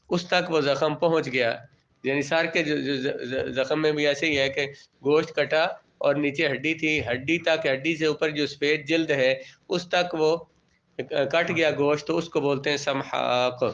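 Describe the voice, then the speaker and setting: Higher-voiced man teaching, dull recording. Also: fairly bright tone. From Pakistan. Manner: reads Arabic terms, then explains each in plain everyday words; asks the class questions and answers them himself. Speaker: religious studies teacher. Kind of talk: classroom lecture explaining a text.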